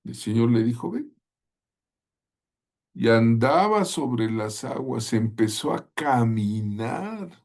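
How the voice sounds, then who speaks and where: Slow, animated male Bible teacher. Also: mid-range voice. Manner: vivid storytelling, asks listeners rhetorical questions. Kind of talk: sermon-style Bible lesson.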